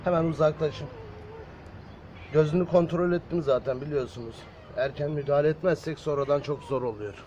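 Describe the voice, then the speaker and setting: A man talking casually to viewers in a garden, gently coaxing cats. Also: fairly high pitch, fairly even intonation, a little fast, muffled recording, slight background noise. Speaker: vlogger caring for stray kittens. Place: outdoor garden.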